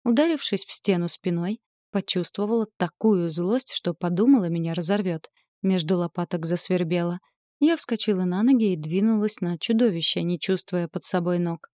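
A woman narrating a first-person fantasy audiobook in an expressive, lively way. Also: lowish voice, moderate pace, dry recording, studio quality.

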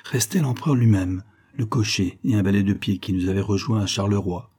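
A man reading an audiobook aloud, telling a first-person adventure with expressive, dramatic swells. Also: fairly low pitch, fairly quick, breathy edge. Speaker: audiobook narrator. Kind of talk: scripted audiobook narration.

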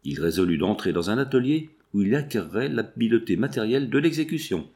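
Male audiobook narrator, expressive and measured, lowish voice, wide pitch. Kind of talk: scripted narration of a novel.

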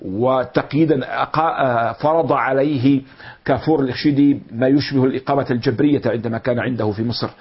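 A middle-aged man delivers a patient lecture on classical poetry. He speaks in a husky tone at an ordinary pitch, going over words again and glossing them. The recording is dull and lo-fi. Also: steady tone. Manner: explains slowly, repeating and glossing words. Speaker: teacher.

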